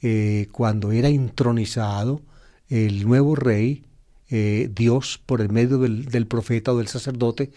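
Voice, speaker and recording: Mellow-voiced priest explaining scripture. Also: male voice, mid-range voice, fairly even intonation, a little slow. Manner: explanatory, teacherly, with frequent fillers and restarts; repeats key phrases for emphasis. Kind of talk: gospel reflection sermon.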